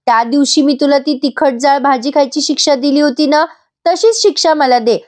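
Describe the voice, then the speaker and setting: A woman voicing a remorseful, warm young sister-in-law in a voice-over episode recap, earnest and apologetic. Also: sits high, moderate pace, pitched above the performer's own voice, close to an everyday voice. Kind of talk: voice-over recap reading a character's lines.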